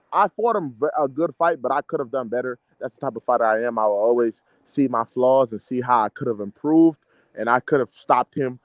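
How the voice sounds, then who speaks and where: A medium-pitched American man in his mid-twenties, an amateur boxer from the DMV region, chats casually during an interview. He sounds slangy, confident and emphatic, and he repeats himself often. The recording is dry and muffled.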